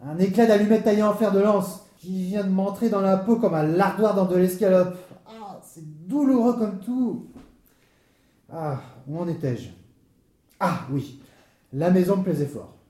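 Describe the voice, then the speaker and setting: A man's voice: high voice, moderate pace, mellow, echoey room, lightly acted. A man playing a talkative man who tells a comic misadventure with theatrical, wordy flair and is easily flustered. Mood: lively. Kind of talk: stage comedy dialogue.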